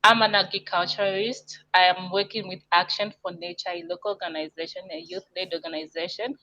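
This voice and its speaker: A woman's voice: lowish voice, steady tone, a little fast, pushed and bright. A woman from Zambia, an agriculturalist, explaining her work earnestly as a guest on an online panel. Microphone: video call. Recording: dull lo-fi video call audio.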